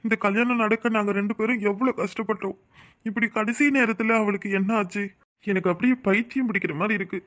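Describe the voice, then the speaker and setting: A man's voice: high-pitched, steady tone, quick pace, fairly bright tone. Man voicing a fretting family man. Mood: distressed. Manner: fretful, pleading. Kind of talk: cartoon voice acting.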